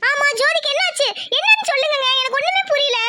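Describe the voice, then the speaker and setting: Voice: very high-pitched, fast talker, very noisy. A performer voicing a devoted young village woman in a cartoon, pleading and anxious. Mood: alarmed. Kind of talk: cartoon voice acting.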